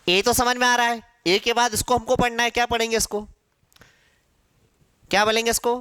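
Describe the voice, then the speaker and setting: A man's voice: very high voice, little pitch movement, brisk, pushed and bright, clean tone. A male Hindi teacher giving a classroom lecture, asking questions and answering them himself while drilling pronunciation aloud. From India.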